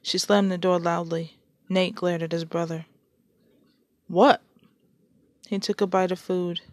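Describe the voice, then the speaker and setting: A woman's voice: lowish voice, flat delivery, normal speed, a little mellow, no room sound, clean studio sound. A woman hosting her own podcast, chatting casually and then reading a story aloud. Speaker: podcast host and story reader. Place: shared home.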